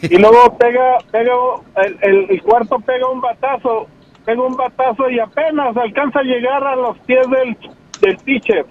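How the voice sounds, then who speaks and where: Un hombre cuenta chistes al aire con la voz deformada por un filtro de teléfono. Repite palabras y se enreda al hablar. La línea se oye opaca. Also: male voice, very high voice, fairly even intonation, normal speed. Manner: rambling storyteller, repeats words. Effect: voice-changing filter on the phone. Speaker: radio caller. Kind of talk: joking call-in chat. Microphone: phone. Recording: dull phone line with faint noise.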